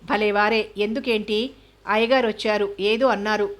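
A woman voicing a playful young village girl, devoted and chatty, talking in rapid, confiding bursts. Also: medium pitch, steady tone, lightly acted. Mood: earnest.

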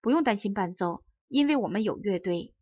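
A woman's voice: mid-range voice, lively intonation, a little fast, a little mellow, slightly rough, no echo. Woman reading as a solemn shadowy radio director. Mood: earnest. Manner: solemn, formal. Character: mysterious shadow, director of the west wind radio station. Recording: dull dry audiobook recording.

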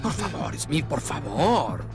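An actor in a film dub playing a smug, mocking middle-aged villain with a theatrical manner. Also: male voice, fairly high pitch, very animated, slow. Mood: smug mockery. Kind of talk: dubbed action film acting. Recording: loud film music over speech.

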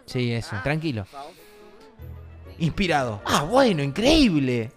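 A man's voice: fairly high pitch, slow pace. A man with an Argentine accent, joking and teasing as he commentates a life-simulation game on a stream. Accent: Argentine Rioplatense Spanish. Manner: playful and teasing, with animated swings in tone. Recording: game music playing behind the voice.

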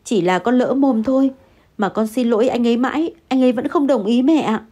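A woman's voice: on the high side, brisk, warm tone, close to an everyday voice. A woman voicing an anxious young wife who pleads and apologizes in an audio story. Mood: pleading.

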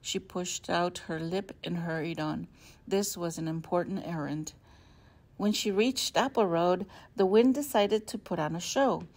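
A woman teacher reading a picture book aloud to children, expressive and friendly. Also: lowish voice, a little slow. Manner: warm, expressive storytelling to children.

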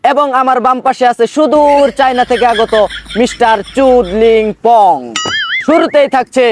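A man's voice: extremely high pitch, moderate pace, faint music behind. A man playing a bombastic parody news anchor, reading rhyming satire theatrically with a rural Bangladeshi accent. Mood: mock-solemn. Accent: Bangladeshi rural colloquial. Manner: mock-solemn, rhyming, theatrical announcing. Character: bombastic male parody news anchor of a village comedy channel.

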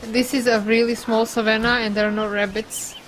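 Higher-voiced woman gamer, noisy line. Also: little pitch movement, a little fast, a bit bright. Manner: chatty, giggly, guides the way. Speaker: co-player. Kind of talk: casual gaming chat. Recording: noisy background.

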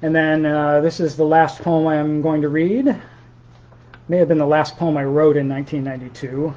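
A man with a measured, deliberate delivery that leaves pauses, speaking as a poet sharing his own work in an informal setting. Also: a little high, fairly even intonation, a little mellow, dull audio. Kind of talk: slow poetry reading with informal spoken commentary.

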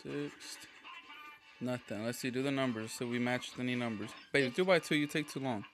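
A man's voice: medium pitch, normal speed, a bit bright, faint music behind. A man giving casual, slangy, slightly impatient commentary in a home video. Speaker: vlogger filming lottery scratching.

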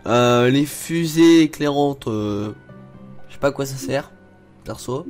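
A man's voice: medium pitch, slow pace, darkish tone, soft background music. Chatty young man narrating gameplay. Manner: chatty, explains menus as he clicks, frequent fillers. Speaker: gaming video host. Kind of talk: casual let's play commentary.

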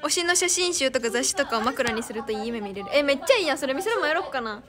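A young idol streamer with a Kansai accent chats casually with fans on a live stream in a high, bright, sing-song voice at a quick pace. She giggles a lot and thanks viewers as she reads their comments, with a crowd murmuring in the background.

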